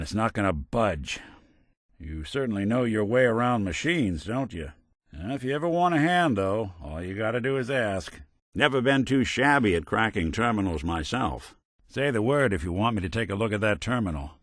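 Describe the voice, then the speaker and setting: This is a male actor with a fairly low pitch, heard with no echo. He plays a conscience-driven robot detective in a video game, weary and wry, talking in the clipped, streetwise manner of a 1940s American hardboiled type.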